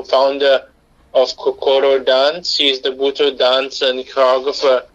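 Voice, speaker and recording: A middle-aged man from Singapore, speaking as a guest on a talk radio show. He answers at length in an earnest way, often stopping to restart a sentence, in a voice of ordinary pitch. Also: fairly bright tone, lo-fi sound. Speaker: guest, director and writer.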